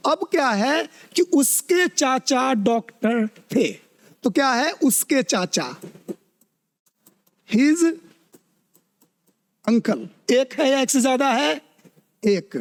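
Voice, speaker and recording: A man with a very high-pitched voice teaches spoken English in Hindi, stretching his words slowly and constantly asking the class if they've understood. A long reverb tail trails his speech.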